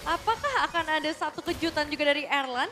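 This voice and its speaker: An Indonesian woman casts an esports match in a very high voice. She delivers live commentary and analysis over clearly audible music. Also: expressive, fast talker. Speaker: esports shoutcaster.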